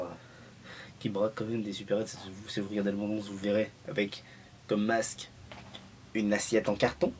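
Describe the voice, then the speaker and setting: A man's voice: on the low side, darkish tone, slight background noise. A man vlogging at home in a casual, joking film review, rambling and restarting his sentences often.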